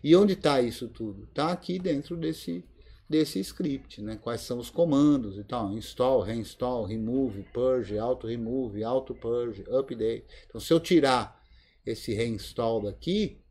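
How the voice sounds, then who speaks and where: Brazilian instructor, mellow husky voice, call mic, rambling demo delivery. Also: male voice, medium pitch, a little slow. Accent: Brazilian Portuguese. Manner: thinking aloud, many fillers. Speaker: Linux course instructor. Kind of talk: live screen-share tutorial. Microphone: video call mic.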